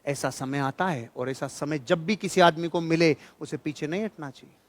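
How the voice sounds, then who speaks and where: A motivational speaker preaches to an audience, delivering his speech emphatically and with an admonishing edge, repeating phrases for effect. His voice is fairly high in pitch and moves at a moderate pace.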